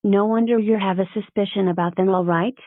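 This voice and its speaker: A woman's voice: mid-range voice, steady tone, a little fast, dry recording, phone-quality sound, lightly acted. A synthetic-sounding woman voicing a stern, matter-of-fact cartoon schoolteacher with formal delivery. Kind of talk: scripted cartoon dialogue.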